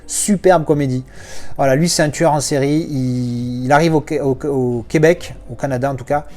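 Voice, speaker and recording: A man's voice: medium pitch, steady tone, normal speed, darkish tone. A man walking through his film collection in a casual, enthusiastic, rambling way, often restarting his sentences. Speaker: video reviewer.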